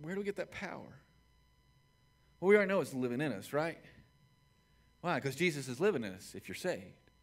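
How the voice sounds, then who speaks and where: This forties-aged pastor's sermon is passionate, rising to shouts and dropping to quiet prayer as he stands on the church stage. His pitch is a little high and his tone expressive, and he talks briskly while leaving long pauses.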